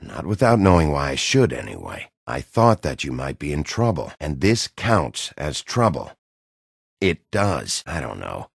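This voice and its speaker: An actor playing a gruff, weary, hard-boiled wolf detective in a video game, with a gravelly, husky voice and a blunt, dry, brooding way of questioning. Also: male voice, rumbling low, huge pitch swings, a little slow, no echo, full character voice. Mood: low-key, wary.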